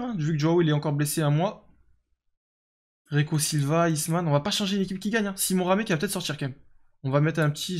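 The voice is male, a little high and darkish in tone, belonging to a young man streaming a football management game. It's casual live commentary: he chats away, answers viewers as they write in, and leans heavily on fillers.

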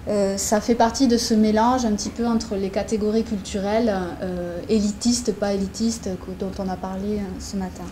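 A woman's voice: mid-range voice, fairly even intonation, moderate pace, hardly any pauses, warm tone, slight background noise. A woman presenting a guest writer to students at a university conference, hesitant and full of fillers. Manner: hesitant, many fillers and restarts. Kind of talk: conference introduction of a guest speaker. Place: lecture room with students.

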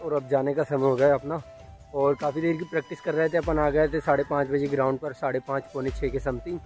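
A man's voice: fairly high pitch, darkish tone. A young man narrating his daily life in a casual vlog, talking into a phone held at arm's length outdoors. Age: young adult. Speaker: vlogger. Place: outdoors, on farm fields and streets.

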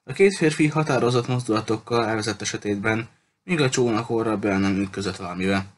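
A man reading a novel aloud in a steady, measured way. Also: fairly low pitch, slight background noise. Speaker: audiobook reader.

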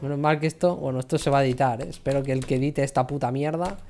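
A man streams a game live and trades crude, joking banter with his chat as he reads it aloud. His voice sits at an ordinary middle pitch, and faint music plays underneath. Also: steady tone, fast talker, darkish tone.

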